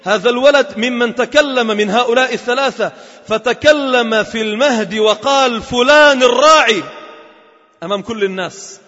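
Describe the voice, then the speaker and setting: High-voiced man preaching in a mosque. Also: a bit bright. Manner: dramatic storytelling with drawn-out emphatic phrases. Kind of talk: Friday sermon storytelling. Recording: dull lo-fi recording with long mosque reverb.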